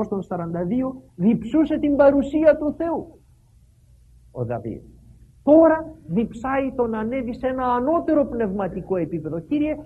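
A preacher delivering an emphatic sermon with psalm readings, asking the congregation questions along the way. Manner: emphatic, rises in pitch when quoting scripture. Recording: phone-like thin sound with faint noise.

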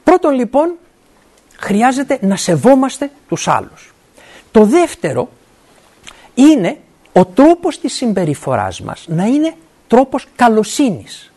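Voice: medium pitch, wildly swooping pitch, pauses often, warm tone, slightly rough. A middle-aged preacher giving an earnest sermon. The speaker often stops to ask "right?" and works scripture quotes into the talk. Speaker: university academic.

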